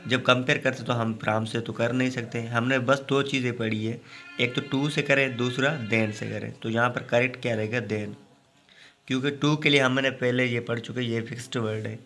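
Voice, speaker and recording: A man teaching a grammar lesson. He explains each rule step by step, often stops to check with "okay", and reads out example sentences slowly. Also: mid-range voice, fairly even intonation, a bit bright. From Pakistan.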